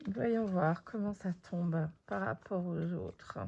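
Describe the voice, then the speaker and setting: A woman talks slowly through her craft project in a relaxed, unhurried way, stopping often with fillers as she thinks aloud. Her voice has a gravelly, creaky edge and sometimes sinks to a near-whisper. The recording sounds dull and lo-fi. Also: fairly low pitch, slight background noise. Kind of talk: casual craft video commentary.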